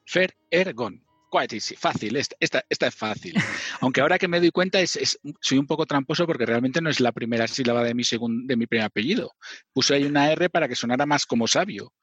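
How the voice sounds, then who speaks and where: A man's voice: mid-range voice, fast talker, fairly bright tone, husky, dry recording, soft background music. A middle-aged man, telling stories as a podcast guest in a chatty, self-mocking way. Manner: chatty, self-mocking, often laughing and restarting. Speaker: podcast guest, former magazine writer. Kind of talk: casual interview storytelling. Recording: dull lo-fi dry sound.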